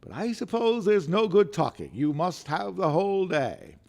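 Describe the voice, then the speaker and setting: A man's voice: high voice, very animated, normal speed, creaky, a little mellow, heavily acted. An actor playing a grumpy, miserly older businessman, curt and scornful, in an old-time radio drama style. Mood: grudging.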